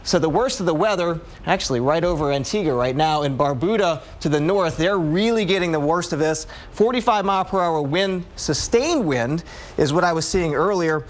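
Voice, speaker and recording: A man's voice: fairly high pitch, moderate pace. A man giving a live TV weather forecast in a conversational, explanatory way.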